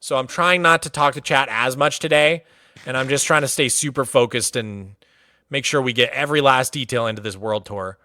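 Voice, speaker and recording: Clean studio sound and a dry recording capture a mid-range male voice at a moderate pace. He hails from Massachusetts, USA and offers laid-back livestream commentary touring a game world, chatting freely with many "like" fillers.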